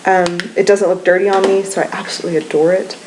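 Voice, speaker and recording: This young beauty vlogger talks fast in a medium-pitched, level voice over a noisy background. Chatting casually from home, where children are nearby, she runs through her monthly favorites with enthusiastic, rambling, um-filled gushing.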